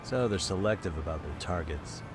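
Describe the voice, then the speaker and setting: A very deep-voiced street tough, relaxed and wry in his talk. He is an easygoing game character, heard with clear traffic noise around him. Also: fairly quick. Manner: laid-back, modest, wry. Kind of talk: video game voice acting.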